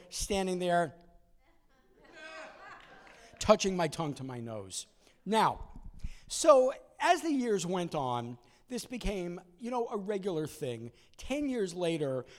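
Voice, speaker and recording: A man in his sixties telling a personal story in an animated way, acting out voices and moments from it. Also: fairly high pitch.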